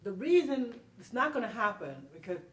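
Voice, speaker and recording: Fairly quick and very animated, with a slightly high voice, this performer answers audience questions from a panel, storytelling emphatically, repeating points and asking "okay?". It's a roomy, distant recording from a library event room with faint noise.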